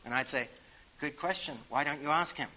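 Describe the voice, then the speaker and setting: This older guest speaker with a Boston accent has a voice on the high side, brisk, bright, and forceful as he casually answers audience questions, candid and wry and full of fillers. There's slight background noise and the audio quality is poor.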